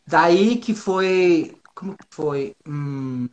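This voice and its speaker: A man with a voice on the high side and lively intonation is heard in a recording with the highs cut off. He comes from Monterrey, northern Mexico, a native Spanish speaker with a Mexican accent appearing as a casual interview guest. His speech is nervous and halting, full of repetitions and slangy tags.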